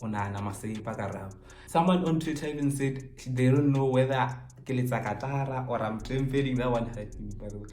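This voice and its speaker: Chatting to camera in a joking, casual way, a South African man in his twenties answers questions from his viewers and moves between languages. His mid-range voice is a little mellow and fairly quick. Faint music sits behind a roomy echo.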